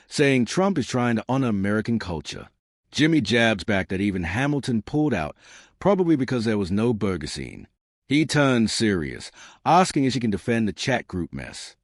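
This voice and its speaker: A man's voice: fairly low pitch, no echo, studio quality. A man narrating a scripted, dramatic story.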